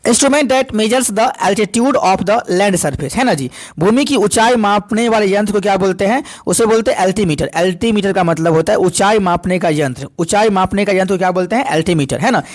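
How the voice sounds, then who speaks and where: A man teaching an exam-prep vocabulary class, asking and answering his own questions over and over and reading definitions slowly. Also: high voice. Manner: repetitive call-and-response questioning, slow over English definitions.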